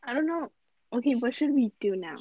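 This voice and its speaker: A woman's voice: on the high side, lively intonation, fairly quick, highs cut off. A woman hosting a casual chat, flustered, often stopping to say "hold on" and "oh my god". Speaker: host.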